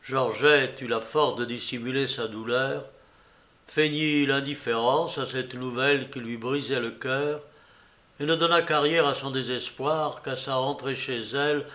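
A man reading a novel aloud in a measured, expressive way. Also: medium pitch. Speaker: audiobook narrator.

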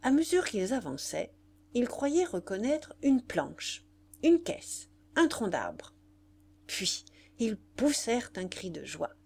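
A woman reading a classic novel aloud as an audiobook narrator, in a measured, expressive way. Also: fairly high pitch, vocal fry.

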